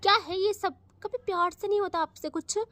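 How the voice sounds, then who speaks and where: Lady doing an annoyed young woman, scolding, kinda high pitched. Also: steady tone, brisk, bright, forceful tone, dry recording. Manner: scolding, exasperated. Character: indignant young woman scolding her lover.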